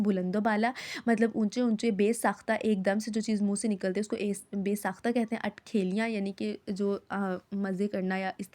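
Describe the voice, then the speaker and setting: A woman teacher from Pakistan reads an Urdu chapter aloud and then explains it line by line. She talks at a medium pitch. She pauses often to check that her students are following. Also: darkish tone. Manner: explains each word plainly, often checks with "okay?". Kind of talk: recorded classroom lesson.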